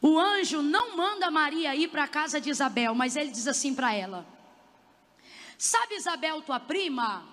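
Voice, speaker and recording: Woman, preacher, fervent sermon, high ringing voice, long hall reverb. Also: fairly quick, few pauses. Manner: impassioned, building to shouts. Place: conference hall.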